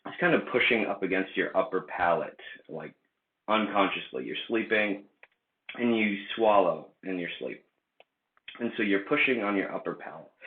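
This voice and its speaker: A man in his late twenties with a very low voice rambles through a casual, unplanned video diary, full of ums and restarts. The sound is thin and phone-like, and the bare room around him echoes. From United States. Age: late 20s. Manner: rambling, many fillers and restarts. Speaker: vlogger. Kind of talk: casual unscripted vlog. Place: indoor room.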